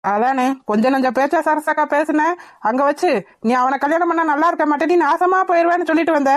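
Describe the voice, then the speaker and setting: A woman voicing a sharp-tongued village neighbor woman in a cartoon, who speaks in a taunting, scolding way. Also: very high voice, steady tone, racing, dry recording. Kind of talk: cartoon voice acting.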